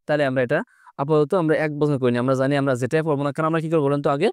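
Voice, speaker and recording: A man with a Bangladeshi Bengali accent teaches an online grammar lesson in a smooth, resonant voice set a little high. He keeps questioning and coaxing his students. The recording is close and dry. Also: steady tone, rapid-fire, dry recording. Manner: questioning, coaxes students to answer.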